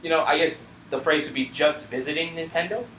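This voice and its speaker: A man co-hosting a casual gaming podcast, talking things through with lots of restarts and slips of the tongue. His voice sits a little high for a man. It bounces around an echoey room over a faint hiss. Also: fairly bright tone. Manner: halting, frequent restarts and slips. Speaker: podcast co-host.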